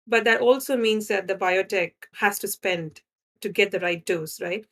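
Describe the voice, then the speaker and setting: In a conversational interview, an Indian-accented woman from India describes her drug development work as a guest scientist, often asking "right?". Her voice is medium-pitched and a bit bright, at a moderate pace.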